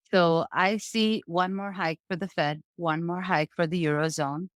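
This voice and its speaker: Woman from Bangladesh, lowish voice, conversational market analyst, dry close sound. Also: steady tone, measured pace, no echo. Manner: explanatory, conversational, frequent "right?" checks. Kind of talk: interview answers on markets.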